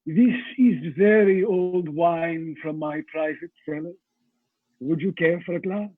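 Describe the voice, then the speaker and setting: An actor playing a courtly, menacing ancient vampire count in a radio play, speaking formally and ominously. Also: male voice, on the high side, measured pace, no echo, narrow, tinny audio.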